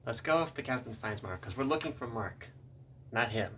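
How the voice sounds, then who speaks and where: A man doing casual gaming reaction commentary in a bright, forward voice. He sits a little away from the mic, with faint noise in the recording. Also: medium pitch, animated, moderate pace, recorded from a distance. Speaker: gamer reacting to an interactive video.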